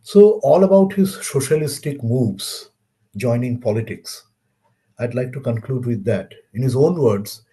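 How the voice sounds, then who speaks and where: A man with an Indian accent giving a webinar lecture on science history, measured and halting with pauses. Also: mid-range voice, expressive, dark tone. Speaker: webinar speaker.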